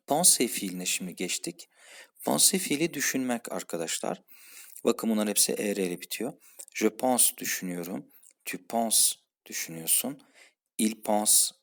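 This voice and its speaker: A man with a fairly low voice works through French verb endings one by one. He speaks patiently and repeats each form with its meaning, as a teacher does for his students. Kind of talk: explaining French grammar for a Turkish-speaking class.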